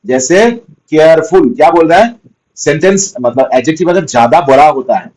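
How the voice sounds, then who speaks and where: Man, teacher, slightly high voice, patient, repetitive, spells words aloud. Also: lively intonation, normal speed, darkish tone, rough recording. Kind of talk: grammar lesson.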